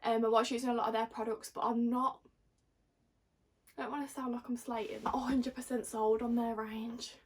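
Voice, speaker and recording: A young woman chats to camera in a fairly high voice. She sounds tipsy and giggly, rambling along in casual slang and poking fun at herself. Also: level tone, moderate pace. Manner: rambling, slangy, self-mocking. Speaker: vlogger.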